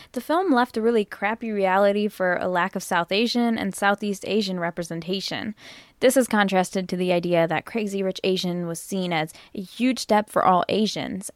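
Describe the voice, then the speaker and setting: A woman hosting an explainer, reading a script in a measured, earnest way. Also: medium pitch, no room sound, studio quality. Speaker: host. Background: faint background music.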